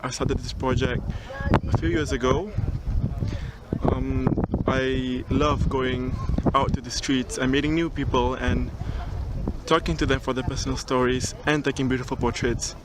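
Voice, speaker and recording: A young man recording a casual video cover letter outdoors on a mountain top, relaxed and chatty, with frequent ums and restarts. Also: medium pitch. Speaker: job applicant. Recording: outdoor recording with clear background noise.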